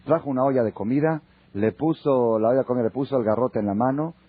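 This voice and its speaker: A man with a Mexican accent, a rabbi teaching a Torah class in a lively storytelling way. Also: mid-range voice, fast, slightly rough. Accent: Mexican Spanish. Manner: lively, acts out dialogue. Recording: dull lo-fi recording.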